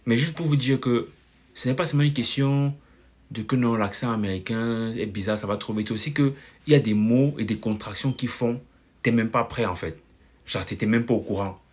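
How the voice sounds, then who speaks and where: A man from Cameroon, giving casual, animated advice to viewers and repeating his points. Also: medium pitch, normal speed. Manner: animated, repetitive, calls viewer brother. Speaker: language-learning vlogger.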